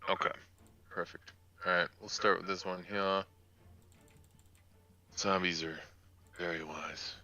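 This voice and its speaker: A man's voice: deep voice, level tone, unhurried, long pauses, bright, forceful tone, lo-fi sound. A man running a tabletop game over a voice call as dungeon master, narrating enemy turns methodically.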